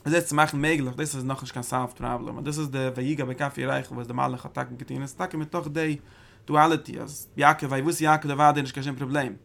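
A man's voice: mid-range voice, steady tone, fast talker, gravelly, fairly bright tone. A man giving a religious study lecture, breaking into emphatic bursts and often repeating and restarting his phrases. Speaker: Torah teacher.

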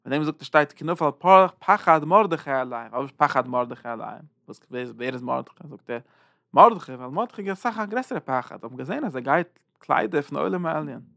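A man teaching a Zohar lesson, halting and repeating words, swinging between loud and soft. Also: a little high, lively intonation, vocal fry, no room sound, studio quality. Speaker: Torah teacher.

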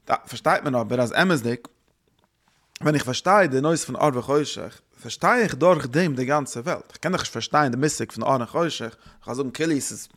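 A man giving a religious lesson, thinking aloud in halting phrases that he often repeats and restarts. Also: mid-range voice, fairly bright tone. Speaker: religious teacher.

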